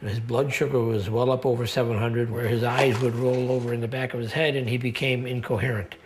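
A man speaking in a documentary interview, calm and measured. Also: medium pitch, crowd noise, poor audio.

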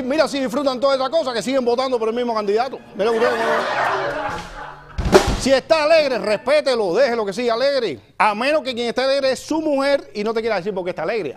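A man hosting a comedy show, telling jokes in an animated storytelling style. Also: very high-pitched. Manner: joking, animated storytelling with acted-out voices. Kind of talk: stand-up style comic monologue.

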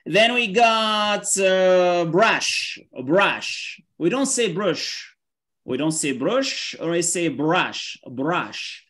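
Online English teacher, man, high bright voice, unhurried, leans on "great" and "right?". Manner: keeps saying "great" and "right?", switches between English and Arabic.

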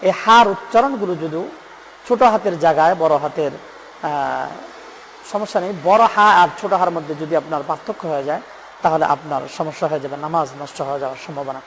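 A man with a Bangladeshi Bengali accent teaching Quran pronunciation, patiently repeating letter names slowly for learners. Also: fairly high pitch, a bit bright, big-room sound, a little hiss or hum. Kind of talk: step-by-step pronunciation lesson.

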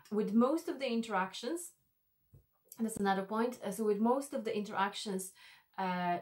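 Framed mid shot at a desk, a woman who designs e-learning explains a tool to the viewer. Her medium-pitched delivery is careful and measured, sprinkled with frequent "uh" fillers, and she's recording indoors in a small, decorated studio room.

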